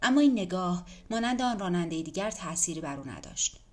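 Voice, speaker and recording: A woman's voice: fairly low pitch, expressive, a little mellow. Woman narrating a dramatic audiobook. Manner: measured, dramatic storytelling. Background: faint music.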